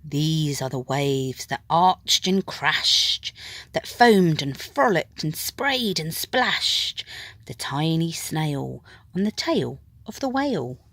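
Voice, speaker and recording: A woman reading a rhyming children's picture book aloud in a dramatic way, at times dropping to a hush and drawing words out. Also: low voice, sing-song, dry recording. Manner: dramatic, with hushed whispered phrases and drawn-out words. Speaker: storybook reader. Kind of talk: expressive children's picture-book narration in rhyme.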